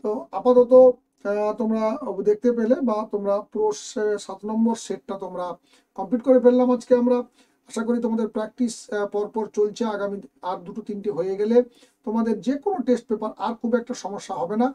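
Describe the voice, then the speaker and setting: A man's voice: high-pitched, fairly even intonation, quick pace, mellow. A man teaching a lesson, working through exam questions step by step and speaking directly to his students. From West Bengal, India.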